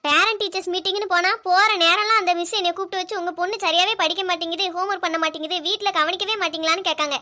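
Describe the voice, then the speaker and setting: A woman's voice: very high voice, fairly even intonation, rapid-fire, few pauses, pushed and bright. A woman voicing a stern young mother in a cartoon, nagging sharply. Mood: exasperated. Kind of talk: cartoon voice acting.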